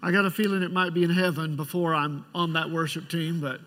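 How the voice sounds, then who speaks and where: A middle-aged man preaches in a notably high voice, his words ringing in a big, reverberant church. His delivery is conversational and pastoral, moving through the sermon with pauses and halting restarts. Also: steady tone, fairly bright tone. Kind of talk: church sermon with personal storytelling and prayer. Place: large church sanctuary. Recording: church hall with long reverb.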